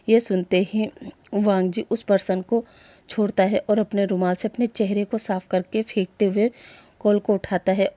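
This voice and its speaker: A woman narrating a fan fiction story in a steady, plain retelling manner. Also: medium pitch, dry recording.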